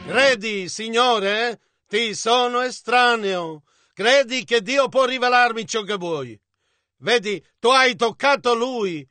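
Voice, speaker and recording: A man with a very high, bright voice reads a sermon's dubbing in a measured, even way. The sound is close-miked and dry, with no room around it. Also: no echo, faint music behind. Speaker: interpreter voice-over.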